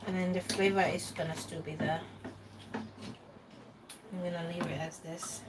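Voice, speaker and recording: Cooking in her home kitchen, a Ghanaian vlogger thinks aloud in casual commentary. Her voice is on the low side, level in tone and a little slow. A camera some way off picks her up with a distant mic and kitchen noise.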